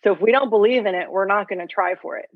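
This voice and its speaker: A woman's voice: mid-range voice, fast, husky, no room sound. A woman in her forties, a health coach, telling her story in an interview in a chatty way, with lots of fillers. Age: 40s. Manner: chatty, filler-heavy, animated retelling. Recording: dry, tinny phone-like audio.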